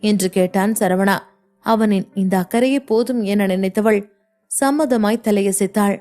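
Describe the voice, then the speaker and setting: A woman narrating a novel in a steady storytelling manner. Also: medium pitch, a little slow. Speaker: audiobook narrator. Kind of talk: scripted narration.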